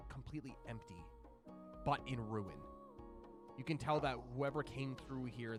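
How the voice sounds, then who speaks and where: A man narrating a tabletop roleplaying game as game master, improvising his descriptions of the scene. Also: mid-range voice. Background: music bed.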